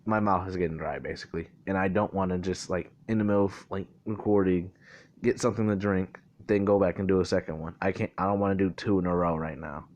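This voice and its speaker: A man's voice: low-pitched, level tone, fairly quick, a little mellow, muffled recording. A man casually retelling a fan-made crossover story, rambling with lots of filler words and swearing, his mouth getting dry.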